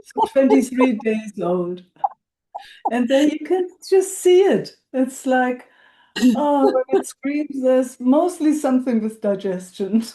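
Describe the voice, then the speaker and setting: A woman on a video call, speaking quietly and soothingly as a supportive coach. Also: sits high, animated, slow, rough recording. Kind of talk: gentle supportive talk.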